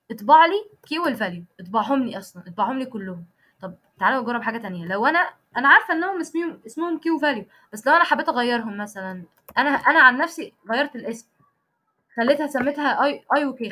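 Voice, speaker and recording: A young Egyptian woman runs an online coding lesson, her voice set a little high and her words coming quickly. She breaks off and restarts phrases as she works through the code, pausing often to ask whether everyone has it. It sounds like a plain computer mic on a video call. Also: fairly bright tone. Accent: Egyptian Arabic. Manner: explains step by step, checks in with students often; frequent restarts and self-corrections while typing code. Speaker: programming instructor.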